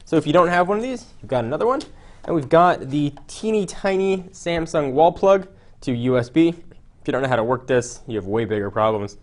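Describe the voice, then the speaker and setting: Young guy doing a phone unboxing, kinda high voice, lots of uh's, jokey. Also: animated, fairly quick. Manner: chatty, jokey, lots of "uh" fillers. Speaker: tech reviewer. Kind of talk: casual unboxing commentary.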